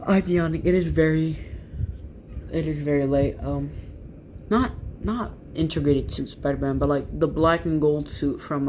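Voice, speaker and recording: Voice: mid-range voice, a little mellow. A speaker casually showing off custom toy figures, rambling and often correcting themselves mid-sentence. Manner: rambling, with frequent self-corrections. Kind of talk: casual show-and-tell. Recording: clear background noise.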